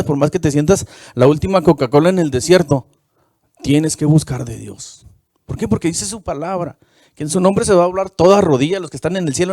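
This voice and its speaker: A minister preaches in a fairly high voice, dry and close to the mic. He keeps the tone conversational and often checks in with the congregation. He builds to loud, repeated phrases. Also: no echo. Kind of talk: sermon.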